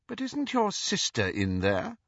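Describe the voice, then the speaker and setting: A stern, older female professor whose words come out clipped and icily cold, in a male narrator's raised, lifted voice. Her tone is measured and sharp. The recording is dry and a touch dull. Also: sits high, wildly swooping pitch, no echo, voice pushed up, heavily acted.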